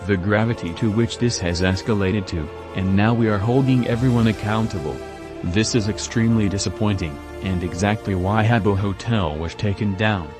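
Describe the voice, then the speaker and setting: A man speaking through a disguised deep voice, delivering a formal, stern and accusing scripted statement as an anonymous activist spokesman.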